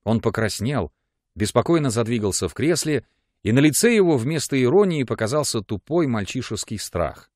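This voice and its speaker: A man narrating a classic story in the first person for an audiobook, in an expressive reading. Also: medium pitch, normal speed, no echo, clean studio sound.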